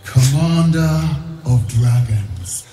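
A woman's voice: a bass voice, lively intonation, extremely slow, warm tone, exaggerated voice. Echoing, imperious undying queen Vlaakith. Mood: grandly commanding. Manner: commanding, grandiose, menacing. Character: imperious, wrathful undying lich queen in ghostly form. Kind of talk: dramatic video game acting. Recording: echoing voice over game music.

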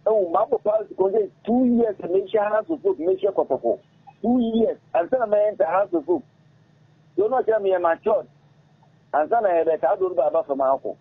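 A middle-aged Ghanaian former footballer, a guest in casual interview talk, speaks into an arm-mounted studio mic at a radio station. His high, very animated voice is raspy and gravelly and swings widely up and down, and he speaks haltingly, repeats himself and switches languages mid-sentence. The audio is muffled, thin and boxy, like a phone line.

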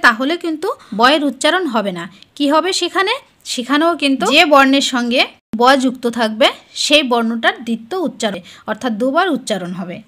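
Bright, high-voiced woman teaching a lesson. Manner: explains step by step, asks and answers her own questions. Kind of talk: spelling lesson at a board.

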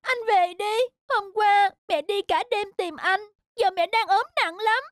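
A woman voicing a small tearful kitten in a children's cartoon, pleading in a high voice. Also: unhurried, sharp tone, no echo, clean studio sound, full character voice. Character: little cat Mít, small tearful child. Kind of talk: cartoon voice acting. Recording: children's music bed behind.

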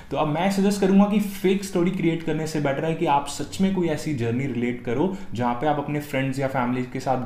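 A young Indian test-prep tutor delivers a scripted video lesson on exam tips in a Hindi-English mix, speaking with an Indian English accent. Energetic and somewhat high-voiced, he punches each tip title louder, recorded at a desk in a small, echoey room.

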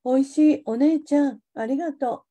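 女性が演じる 広島弁の弱々しい火傷の少女. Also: female voice, high-pitched, moderate pace, warm tone, lightly acted. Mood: weak plaintive. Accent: Hiroshima dialect. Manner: weak, plaintive childlike pleading. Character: badly burned little sister, young girl, pleading.

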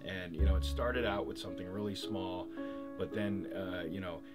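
A man playing a radio personality, talking earnestly and deadpan in a mockumentary interview. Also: low voice, normal speed, loud music behind the voice, close to an everyday voice.

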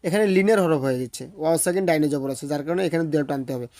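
Man, Bangladeshi Bengali accent, patient letter-by-letter teaching, slow drawn-out chanting, fairly high voice, dry close sound. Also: warm tone, no room sound. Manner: slow sing-song drawn-out recitation of words; patient methodical letter-by-letter spelling. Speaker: Quran recitation teacher. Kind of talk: spelling-out recitation lesson.

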